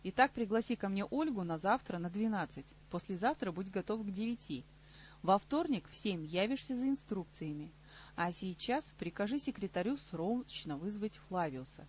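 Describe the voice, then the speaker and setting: A woman voicing a sardonic middle-aged king in an audiobook, dry and unhurried, on slightly muffled audio. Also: medium pitch, lively intonation, a little mellow, slight background noise, close to an everyday voice. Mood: dry mocking. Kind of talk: audiobook character reading.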